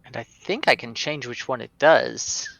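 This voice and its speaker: A man playing a tabletop game, describing his spell in a casual, halting way. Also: medium pitch, creaky, fairly bright tone. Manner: casual, hesitant with fillers. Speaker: player. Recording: dull, muffled mic.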